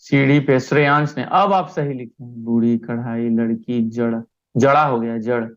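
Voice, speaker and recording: A man's voice: medium pitch, normal speed, muffled recording. A man teaching a primary school class online, speaking patiently and often checking that the children understand. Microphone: video call.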